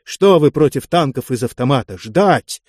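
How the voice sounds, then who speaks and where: A man voicing a dazed, stern division commissar who speaks weakly and in clipped, hushed phrases in a war audiobook. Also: mid-range voice, expressive, normal speed, husky, no echo, clean studio sound.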